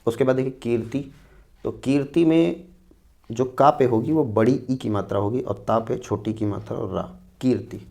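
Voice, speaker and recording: A gravelly, mellow man's voice at medium pitch delivers a slow Hindi spelling lesson aimed at exam preparation. Each word gets repeated and explained step by step, with frequent "dekhiye" and "theek hai," all in a North Indian Hindi accent.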